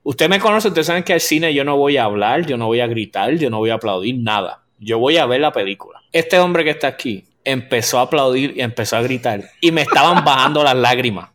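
A man in casual chat among friends, excitedly telling a story with many restarts. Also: mid-range voice, brisk, hardly any pauses.

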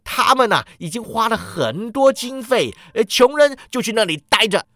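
A man voicing a bitter, miserly old man who snaps out his lines in a high, loud voice. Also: very animated, moderate pace, dry recording, studio quality, full character voice. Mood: scornful. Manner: snapping, high-pitched shouts.

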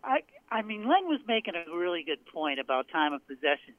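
A man's voice: fairly high pitch, sing-song, a little fast, no room sound. A man from Maine calling in to a sports radio show over the phone, arguing his point and laughing. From Maine, USA. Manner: argumentative, laughing. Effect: radio show caller on a phone line. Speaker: caller. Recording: tinny phone line, dry.

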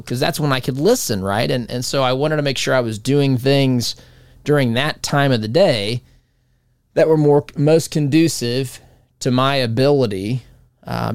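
A man's voice: mid-range voice, no echo. A man in his forties, hosting a talk show, speaking in a rambling, conversational way with frequent restarts. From United States. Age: 40s. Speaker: radio talk show host. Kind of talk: casual monologue.

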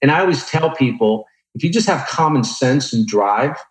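A man's voice: mid-range voice, expressive, moderate pace. A man in his forties speaking as an interview guest, telling motivational personal stories in an earnest, emphatic, instructive way. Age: 40s. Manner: earnest, emphatic, instructive, with rhetorical check-ins. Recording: roomy, echoing sound.

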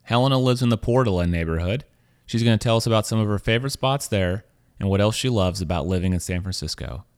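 Male host, fairly low clean voice, conversational interview delivery. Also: fast, few pauses.

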